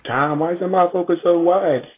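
A man's voice: high-pitched, normal speed, a little mellow. A young man with a London roadman accent and slangy delivery, giving casual, joking commentary as a voice-over. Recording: slightly muffled, music behind.

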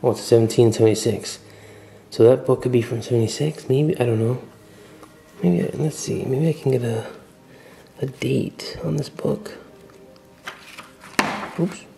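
A man giving a casual, excited walk-through vlog of an old mansion, chatty and often dropping to a murmur. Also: medium pitch, measured pace, creaky, long pauses, faint music behind. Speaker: vlogger touring a historic mansion. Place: indoors, large old house.

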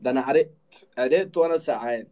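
Fast-talking Egyptian man with a cold. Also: medium pitch, warm tone. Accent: Egyptian Arabic. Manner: rushed, urging viewers to tap and share. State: has a cold. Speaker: TikTok live streamer. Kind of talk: casual live-stream banter.

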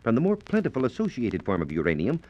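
On a dull, lo-fi 1940s radio transcription disc, an American man delivers a formal, carefully phrased scripted science lecture in period radio style. His voice sits at medium pitch but swoops wildly up and down, and he talks at a quick pace.

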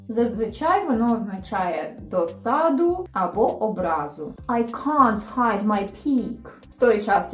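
Young female teacher, animated delivery, faint background music, slightly echoey room. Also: mid-range voice. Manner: clear, explanatory, lively teaching tone. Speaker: English teacher. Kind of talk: online reading lesson.

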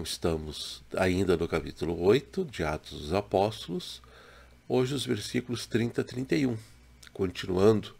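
A man in his sixties from Brazil, a pastor giving a slow, measured daily devotional to a webcam in a small home room. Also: low voice, creaky, slightly rough. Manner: slow, measured, gentle preaching with pauses. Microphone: webcam in front, head and shoulders.

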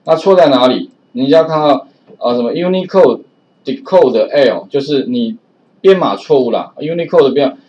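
A man with a Taiwanese Mandarin accent teaching a screen-recorded programming lesson in a chatty way, often filling pauses with "oh" and repeating his warnings. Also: mid-range voice, lively intonation. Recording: slightly dull lo-fi recording.

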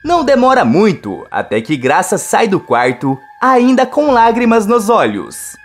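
A woman narrating a soap opera recap in a slow, steady storytelling manner. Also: mid-range voice, faint music behind.

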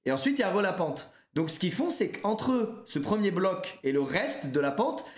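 Animated young man telling a story. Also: high voice, moderate pace, echoey room. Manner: animated, lively anecdote with frequent fillers. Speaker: streamer. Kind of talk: casual storytelling to viewers.

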